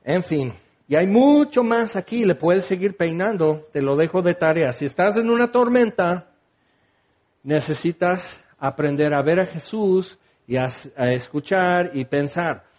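Pastor guy, high voice, super animated sermon, chatty and jokey. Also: a little slow. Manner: animated, conversational, jokey asides. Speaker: preacher.

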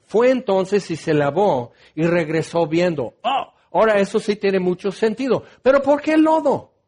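A male pastor teaching a Bible study sermon in an animated, joking way, with dramatic swings in pitch.

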